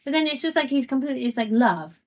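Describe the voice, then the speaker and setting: A woman co-hosting a casual book podcast, animated and laughing often as she acts out lines. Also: high voice, very fast. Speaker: podcast co-host.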